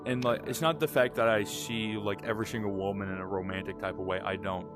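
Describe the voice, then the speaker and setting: Rambling young Southern man, very low voice. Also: steady tone, fast, music in the background. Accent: Southern American. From Southern United States. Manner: rambling, candid, swears freely. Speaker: podcast co-host. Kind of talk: casual late-night chat.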